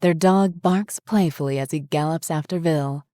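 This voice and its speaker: A woman narrating a horror short story in a measured, descriptive way. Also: low-pitched, mellow, no room sound, clean studio sound.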